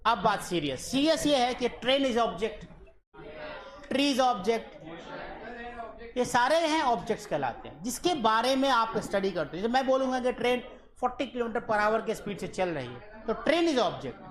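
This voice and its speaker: A man's voice: very high-pitched, big pitch swings, normal speed, a bit bright. A man teaching physics in a classroom lecture. He jokes and teases his students, slips English phrases into his explanations and repeats the key terms. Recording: live classroom recording with student chatter. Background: chattering students.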